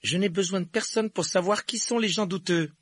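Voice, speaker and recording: A man voicing a curious, soft-spoken orphan wizard boy. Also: on the high side, fairly quick, slightly rough, dry recording, pitched above the performer's own voice. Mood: cold. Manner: curious, turns cold when provoked.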